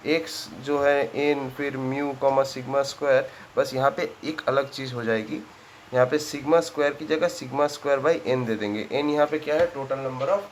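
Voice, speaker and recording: A man's voice: medium pitch, rough recording. A man teaching a statistics lesson, working sums aloud and checking in with his students after nearly every step. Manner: conversational, checks in often with "ठीक है?", works sums aloud. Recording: faint background noise.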